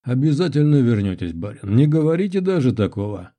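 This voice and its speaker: Male reader as a humble, earnest servant, very dark and mellow tone; audiobook. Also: medium pitch, very animated, a little fast, natural voice. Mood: startled. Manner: deferential, earnest. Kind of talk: audiobook character voice.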